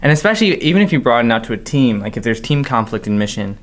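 A young man talks through a casual faith discussion in an earnest way. He slows down and leans on key phrases for emphasis. His voice sits at an ordinary middle pitch. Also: very animated. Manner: earnest, builds emphasis with slow stressed phrases. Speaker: podcast co-host.

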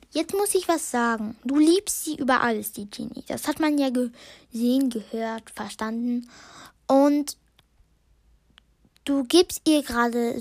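A woman with a high voice hosts a laid-back podcast, reading brief passages from a book and reacting to them. She thinks out loud, with lots of fillers and false starts.

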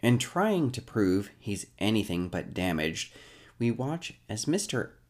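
A man's voice: fairly low pitch, very animated, a little slow. A man casually recapping a TV episode, dropping wry asides and jokes.

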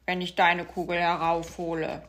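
A man voicing a male frog in a fairy tale, with a drawn-out, pleading voice. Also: fairly high pitch, monotone, a bit bright, pitched above the performer's own voice, natural voice. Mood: coaxing.

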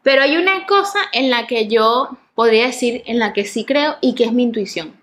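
A woman's voice: a little high, expressive, moderate pace, a bit bright. A woman co-hosting a casual conversation, speaking in a reflective way and often giving short agreeing replies while the other speaker talks.

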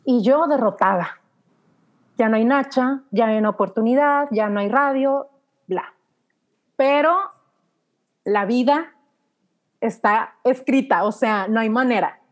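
A woman's voice: fairly high pitch, unhurried, pauses often. A woman with a Mexican accent, a radio announcer, telling her story in a casual interview and acting out the dialogue she quotes. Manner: lively anecdotal, acts out quoted dialogue.

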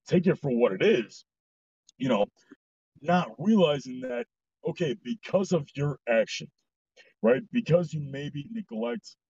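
A man's voice: medium pitch, dark tone, husky, no echo. A man hosting a podcast, talking bluntly and heatedly with heavy swearing over a dull, lo-fi voice call. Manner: heated, swears heavily, ranting. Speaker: podcast host. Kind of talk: blunt, profane casual chat. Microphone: voice chat mic.

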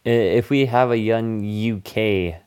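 Smooth-voiced goofy podcast guy. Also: fairly low pitch, slow pace, darkish tone. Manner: goofy, rambling recap. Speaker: podcast host. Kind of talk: casual movie review chat.

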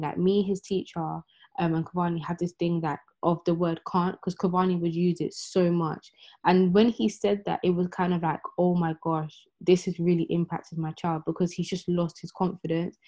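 A woman's voice: fairly low pitch, a little mellow. A woman, talking steadily about her child in a casual group discussion. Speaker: mother of a school child. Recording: dull lo-fi sound.

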